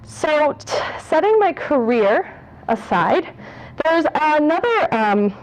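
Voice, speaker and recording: A woman's voice: sits high, big pitch swings, slow, low-quality recording. A woman in her late twenties giving a candid talk to an audience, joking at her own expense and laughing often as she talks. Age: 20s. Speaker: speaker at a public talk.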